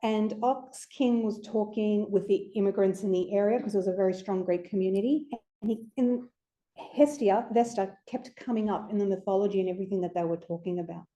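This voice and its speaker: A woman's voice: mid-range voice, fairly even intonation, fairly quick, mellow, dull audio. A woman giving an informal lecture to a group, chatty and conversational with playful asides. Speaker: astrology speaker presenting to a group.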